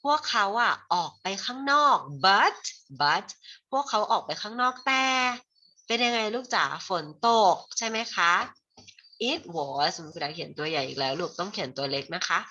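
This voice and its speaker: With a fairly low, sharp voice and lively intonation, a Thai-accented woman gives an online English lesson for kids. She moves between Thai and slow, carefully spelled English, calls viewers "child," and the recording has its highs cut off.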